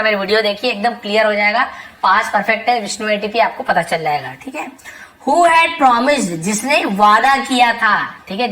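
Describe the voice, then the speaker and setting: A woman teaching English reading, saying each English phrase slowly and then explaining it quickly in Hindi with lots of repetition. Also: medium pitch, a bit bright, rough recording. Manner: repeats phrases and checks with "theek hai". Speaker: English tutor.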